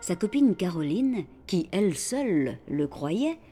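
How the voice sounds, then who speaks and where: A woman narrating a children's story in an expressive, lively reading voice. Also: on the low side, measured pace, over loud music.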